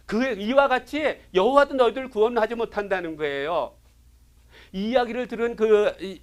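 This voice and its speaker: High-voiced man telling Bible history. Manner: storytelling, asks the listeners questions; acts out kings' lines in quick paraphrase. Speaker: Bible teacher. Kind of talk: Bible lecture.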